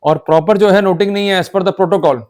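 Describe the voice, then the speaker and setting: Here a man with an Indian accent gives an explanatory law lecture in Hindi with English legal terms, his high, darkish voice holding a steady tone at a moderate pace. He's emphatic and didactic, often pausing to ask brief questions that check understanding.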